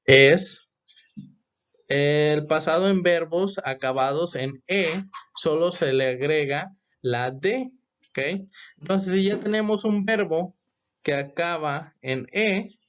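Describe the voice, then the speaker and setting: A man teaching a grammar lesson, explaining step by step and often checking with a quick question. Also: on the high side, muffled recording. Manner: patient, repeats "¿ok?" to check understanding. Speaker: English teacher.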